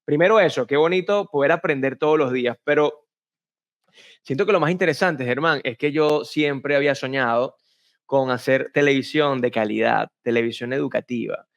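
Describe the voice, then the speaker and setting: A man's voice: mid-range voice, moderate pace, vocal fry, highs cut off. A man with a Venezuelan accent, a communication coach telling anecdotes in a conversational interview, acting out voices as he goes. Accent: Venezuelan Spanish. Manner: animated storyteller, acts out quoted voices. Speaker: communication and public speaking coach, interview guest.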